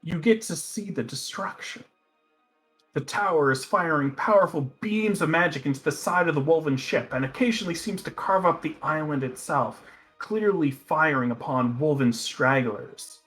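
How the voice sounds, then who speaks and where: Male game master, lightish high register, stop-start tabletop storytelling over faint music. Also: normal speed, a bit bright. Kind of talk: narrating a tabletop fantasy game.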